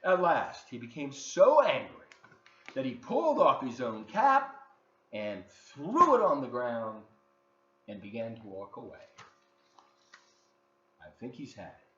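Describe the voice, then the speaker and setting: Someone reads a picture book aloud to young listeners, using dramatic emphasis and little asides. The medium-pitched, slightly bright voice swoops wildly in pitch, moves a little slowly and leaves long pauses. The recording is roomy, dull and lo-fi, with faint noise.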